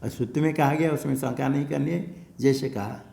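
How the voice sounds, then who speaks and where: A man with a gravelly, creaky voice teaches a scripture class. He explains patiently and unhurriedly, dropping in a soft laugh now and then. His pitch sits in an ordinary middle range. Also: steady tone, brisk. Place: ashram classroom.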